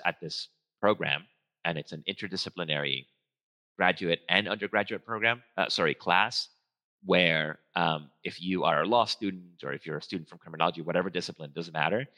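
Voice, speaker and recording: A low-pitched man gives a casual talk on stage. His voice is bright and forceful, and he wanders through his points with lots of "um"s, restarts and quick self-corrections. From Venezuela. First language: Spanish. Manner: rambling, full of fillers and restarts. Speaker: guest speaker, research trainer.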